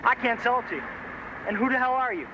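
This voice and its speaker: A man's voice: very high-pitched, expressive, quick pace. An actor playing a wary, blunt male auto parts dealer, from a film soundtrack. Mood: suspicious. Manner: suspicious, blunt. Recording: dull film soundtrack with loud background noise.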